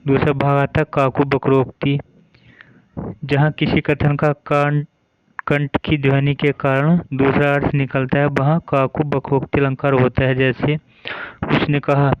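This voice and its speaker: A man's voice: medium pitch, monotone, measured pace, dull audio. A man teaching a Hindi grammar lesson, explaining each term step by step and reading verse examples.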